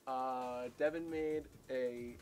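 A man's voice: mid-range voice, steady tone, slow pace, a little mellow. A young man hosting a casual let's play, teasing his friends and laughing often. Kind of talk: casual gameplay commentary.

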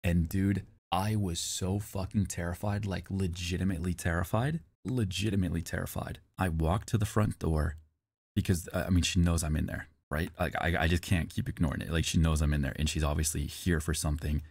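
A man streamer rambles through a personal story, doubling back and repeating phrases and swearing as he goes. His voice sits low with a gravelly fry. The sound is dry and close, with no room around it. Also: fairly even intonation, a little fast, darkish tone, dry recording. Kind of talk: casual storytelling.

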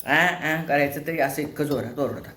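A woman's voice: sits low, moderate pace, fairly bright tone, reverberant. An older woman, host of a home vlog, chatting casually while cooking, asking rhetorical questions and scolding in a homely way. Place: home kitchen.

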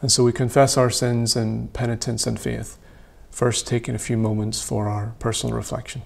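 A man in his thirties leading worship as a priest, reading prayers in a measured, solemn way in a small church room. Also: mid-range voice, little pitch movement, vocal fry. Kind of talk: liturgical reading.

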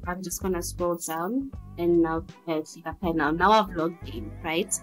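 South African woman, low register, casual vlog delivery with lots of fillers, faint music bed. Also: unhurried. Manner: chatty, many fillers, checks in with viewers. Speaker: vlogger giving career advice. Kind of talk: casual talking to camera.

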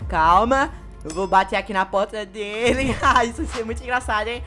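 A man's voice: sits high, brisk. A young man with a Brazilian Portuguese accent hosting a gameplay video, talking in a playful, scheming, giggly way. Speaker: gaming YouTuber host. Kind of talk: casual gameplay commentary. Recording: background music under voice.

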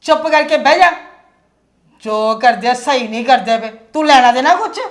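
Sex: woman. Figure: harsh mother scorning her in-laws, acted by a woman. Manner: scolding, sharp-tongued. Pitch: high. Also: normal speed, lightly acted. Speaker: mother and daughter-in-law. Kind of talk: family drama acting.

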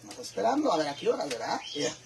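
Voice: mid-range voice, big pitch swings, racing, creaky, noisy background. A cook with a Mexican accent chatting with viewers during a casual cooking live stream in a home kitchen, teasing and swearing freely. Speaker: cooking vlogger.

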